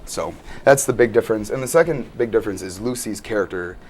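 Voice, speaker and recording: A man's voice: on the low side, fast, a little hiss or hum. A young man, a student actor, answering interview questions in an earnest, rambling way with many fillers.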